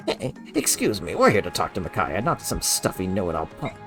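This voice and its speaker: A man's voice: low-pitched, wildly swooping pitch, fairly quick, a bit bright, soft background music, heavily acted. A man voicing a blunt, rude young male merchant. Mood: surly. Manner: blunt, surly.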